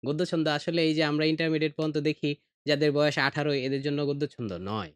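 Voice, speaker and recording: A man's voice: a little high, fairly even intonation, clean tone, no echo. Patient male teacher explaining poetry. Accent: Bangladeshi Bengali. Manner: slow, patient explaining, reciting verse with feeling. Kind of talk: explanatory lesson podcast.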